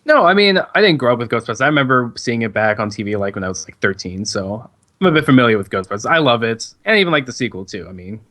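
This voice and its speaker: A man's voice: medium pitch, sing-song, fast, fairly bright tone. A man in his early twenties on a podcast, making brief, modest remarks. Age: 20s. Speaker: podcast panelist. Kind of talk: casual chat.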